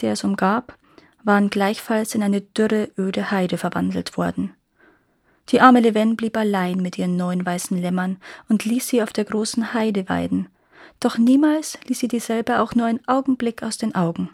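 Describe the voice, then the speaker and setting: A woman storyteller reading a fairy tale aloud in calm, even narration. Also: medium pitch, creaky, dry recording, clean studio sound.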